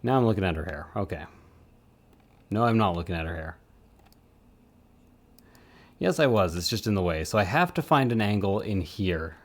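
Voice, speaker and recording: A man's voice: low voice, animated, normal speed, long pauses. A man chatting casually on a live stream while he works, rambling with self-mocking asides. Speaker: streamer supporting 3D print models.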